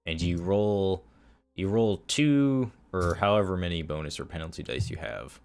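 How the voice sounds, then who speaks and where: A man's voice: deep voice, lively intonation, normal speed, a little mellow, smooth. A man explaining dice rules to fellow players, stumbling and repeating words.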